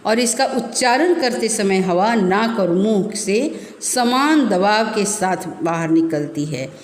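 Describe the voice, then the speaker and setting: Slow-spoken woman teacher in an echoey room. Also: mid-range voice, animated. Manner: slow explaining, repeats terms, addresses children. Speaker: school teacher. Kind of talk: recorded grammar lesson for children. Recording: echoey room with long reverb.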